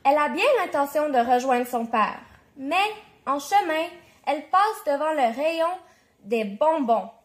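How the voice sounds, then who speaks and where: A woman reading a children's bedtime story aloud, lively and clear, doing voices for the characters. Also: high-pitched, a little slow. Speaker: storybook reader.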